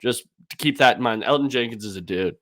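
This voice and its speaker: A man's voice: medium pitch, fast talker, a bit bright. A man co-hosting a sports podcast, talking enthusiastically and poking fun at himself. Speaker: podcast co-host. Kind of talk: casual sports talk.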